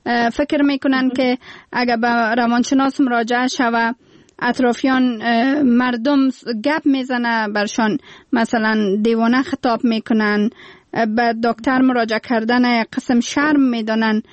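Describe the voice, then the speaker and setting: A woman's voice: a little high, fairly even intonation, dry recording, highs cut off. A woman radio interviewer with an Afghan Dari accent, asking questions with some hesitation and fillers.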